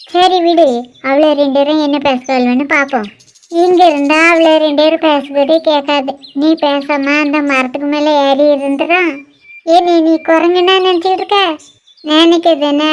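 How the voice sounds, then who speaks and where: A woman doing sharp-tongued cartoon girls. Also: high-pitched, natural voice. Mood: teasing. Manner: sharp-tongued, teasing, scolding. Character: bickering young women in a clothing shop. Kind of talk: cartoon voice acting, one voice for several girls.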